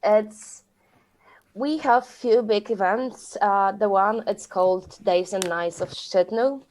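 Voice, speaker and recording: Polish woman chatting on a podcast, kinda halting, mid voice. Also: medium pitch, darkish tone, a little hiss or hum. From Poland. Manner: plain, slightly halting non-native phrasing. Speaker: podcast co-host. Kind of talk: casual chat.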